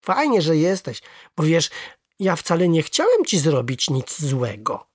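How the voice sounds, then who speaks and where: A storyteller voicing an excited little boy calling for his grandfather in a children's story. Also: measured pace, husky, dry recording, studio quality, heavily acted. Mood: sheepish. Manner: high, loud cries.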